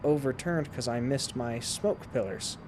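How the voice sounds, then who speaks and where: Playing a flight simulator, this man explains each step as he goes, keeping the commentary casual and instructional. He speaks at medium pitch in an unhurried way, though heavy background noise fills the recording.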